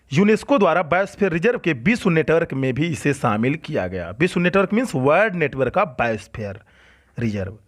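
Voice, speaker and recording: A man teaching a general-knowledge lesson for exam students, asking questions and answering them himself, and repeating key facts. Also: high voice. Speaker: coaching teacher. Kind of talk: exam-prep lecture.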